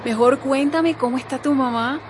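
An actress playing a grieving widow, speaking in a heartbroken, tearful way. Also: female voice, high voice, normal speed, background noise, close to an everyday voice. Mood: sad. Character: grieving widow, middle-aged woman. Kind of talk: dramatic acting.

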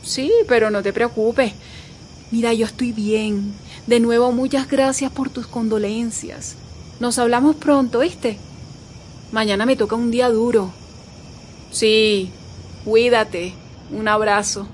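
An actress playing a grieving widow, speaking in a heartbroken, tearful way. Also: female voice, on the high side, steady tone, slow pace, a little hiss or hum. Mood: sad. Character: grieving widow, middle-aged woman. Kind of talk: dramatic acting.

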